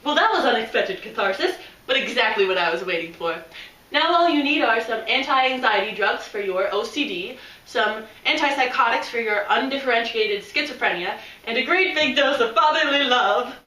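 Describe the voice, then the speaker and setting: In an amateur comedy skit, a woman plays a pompous, self-absorbed male psychoanalyst, clinical, analytical and self-important, who stammers in a fluster when challenged. Her voice is on the high side and sharp, with lively intonation at a moderate pace. A distant mic gives the recording a roomy echo.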